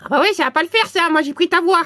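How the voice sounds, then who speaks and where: A man doing a squeaky foul-mouthed little guy. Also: fast talker, pushed and bright, no echo, clean studio sound. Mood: bickering. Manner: crude swearing, bickering back and forth. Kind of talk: comedy sketch dialogue.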